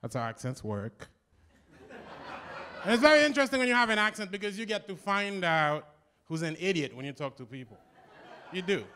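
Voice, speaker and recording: A man's voice: sits high, very animated, a little fast, long pauses, pushed and bright, a little hiss or hum. A man with a Haitian accent, from Haiti, doing a live stand-up set with a punchy, wry delivery. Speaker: stand-up comedian. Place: live comedy show stage.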